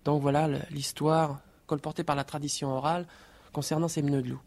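Guy explaining old folk tales, bit higher voice, restarts now and then. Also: little pitch movement, fairly quick, a little mellow, slight background noise. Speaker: folklore researcher. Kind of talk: spoken explanation.

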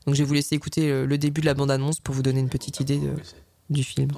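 A man's voice: mid-range voice, completely flat delivery, racing, creaky, a little mellow, no room sound. A man presenting film trailers on a radio show, speaking in a hesitant way with frequent filler sounds and restarts.

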